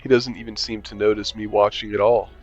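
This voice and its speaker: Reading a visual novel aloud during a casual let's-play, a man chuckles and drops wry asides in a lowish, level voice at a slightly fast clip. The audio is somewhat muffled, with soft game music underneath.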